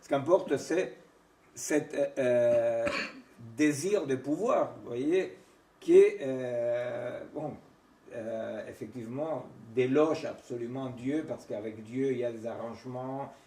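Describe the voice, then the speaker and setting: A man's voice: medium pitch, slow pace, warm tone. A man giving an informal academic seminar lecture. He wanders between points, stops often with hesitations and restarts, and keeps checking in with his listeners. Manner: digressive, keeps checking in with "vous voyez", "non?", "hein". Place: seminar room. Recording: echoey room, mic far from speaker.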